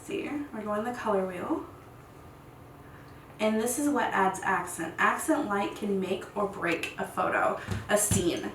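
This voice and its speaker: A woman in her thirties giving a casual, rambling tutorial at home, chatty and quick to laugh. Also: medium pitch. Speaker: content creator teaching lighting. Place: home room set. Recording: echoey room, distant mic, faint hiss.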